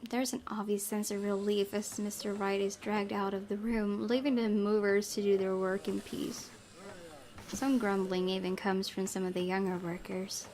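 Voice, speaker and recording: A woman game streamer reads a visual novel aloud, adding casual let's-play commentary over faint background music. Her mid-range voice is a little mellow, with a flat delivery at normal speed.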